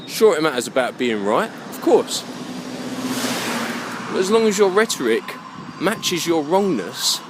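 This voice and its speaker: A British vlogger with a voice on the high side and big pitch swings talks unhurriedly over background noise. His rambling monologue is opinionated and emphatic, full of rhetorical questions and checks on whether the listener understands.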